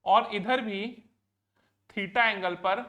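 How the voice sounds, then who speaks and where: A man's voice: sits high, slow pace, highs cut off. A man teaching physics to a live class. He asks a question, answers it himself and repeats it, and he coaxes and scolds students to pay attention.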